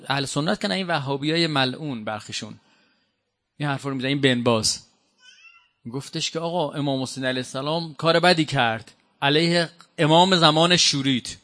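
A man's voice: on the high side, bright, forceful tone. A man from Iran preaching a sermon, explaining Quran verses in a conversational way and asking the audience direct questions.

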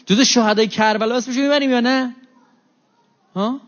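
A man delivers a religious lecture in a high, lively voice. He slips into the voices of the people in his stories, rising sharply and then dropping low. The recording is muffled and lo-fi. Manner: animated, acts out quoted exchanges with rises and drops in voice. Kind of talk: religious talk to an audience. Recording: dull lo-fi recording.

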